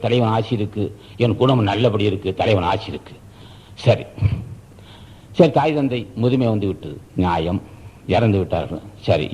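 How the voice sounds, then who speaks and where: A man's voice: medium pitch, mellow, husky. Tamil man preaching on a dull old tape. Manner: repetitive, emphatic preaching with rhetorical questions. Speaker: spiritual teacher. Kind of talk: sermon. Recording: dull archival tape recording.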